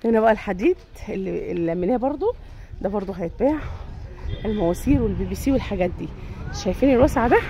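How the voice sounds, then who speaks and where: Chatty Egyptian woman on a lively tour. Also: medium pitch, racing, a little hiss or hum. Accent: Egyptian Arabic. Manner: chatty, addresses viewers directly while touring. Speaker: vlogger giving a tour. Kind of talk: casual walk-through vlog. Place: outdoors and indoors at a poultry yard and shop.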